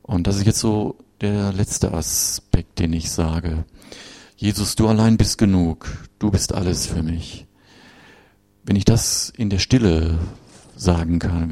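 Man, middle-aged, preacher, conversational sermon, lower voice, dry sound. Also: mellow, slightly rough, no room sound. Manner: conversational, asks listeners with "ne?".

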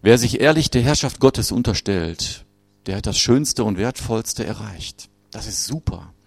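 Man, middle-aged, preacher, conversational sermon, lower voice, dry sound. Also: animated, measured pace, creaky, husky, dry recording. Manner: conversational, asks listeners with "ne?".

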